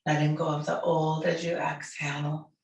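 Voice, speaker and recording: This forties-aged yoga teacher, raspy and hoarse with a cold, speaks low with little pitch movement as she softly guides her class. Her instructions are slow, soothing and gently encouraging. Recorded by a camera across a bright, large-windowed home studio, she sounds far away in an echoey room.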